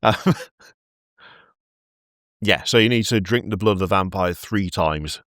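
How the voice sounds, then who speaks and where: A man's voice: deep voice, measured pace, fairly bright tone, no echo, studio quality. A man hosting a podcast, retelling lore in casual chat and laughing often mid-sentence. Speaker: podcast host narrating lore.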